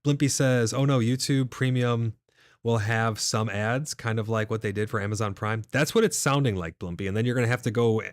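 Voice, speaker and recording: A livestream host with a mid-range voice talks briskly while running a gaming stream, casually reading chat messages aloud and answering viewers. He sounds a bit nasal and stuffed up. The recording is studio quality with no room sound.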